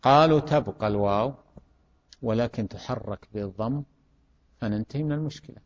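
A man's voice: mid-range voice, brisk. Man teaching in an echoey hall. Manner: questioning, repeats student answers. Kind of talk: classroom grammar lesson. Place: classroom. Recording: dull recording in a reverberant hall.

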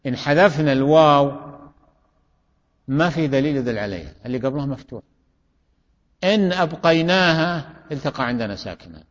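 Male teacher, drills students with questions, slightly high voice, dull recording from a classroom. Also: expressive, fairly quick, pauses often. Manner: questioning, repeats student answers. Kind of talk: classroom grammar lesson. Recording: dull recording in a reverberant hall.

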